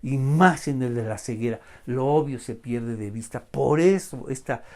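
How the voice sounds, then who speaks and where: A male preacher giving a sermon online, with a mid-pitched voice. He preaches dramatically, bursting out loud and then dropping to a near hush, and slips into the voices of the people in the story. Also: a little slow. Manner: dramatic, swings between loud outbursts and hushed asides; acts out voices of the characters.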